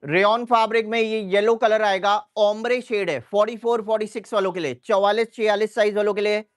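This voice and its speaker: A man hosting a live shopping sale, briskly listing sizes and prices over and over. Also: high voice, steady tone. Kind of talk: live sales pitch.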